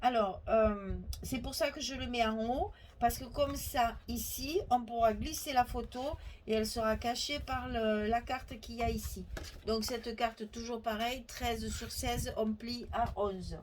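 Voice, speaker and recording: A woman's voice: on the high side, steady tone, measured pace, a little hiss or hum, low-quality recording. A woman with a Provençal French accent hosting a chatty, step-by-step scrapbooking tutorial, thinking aloud and correcting herself as she goes.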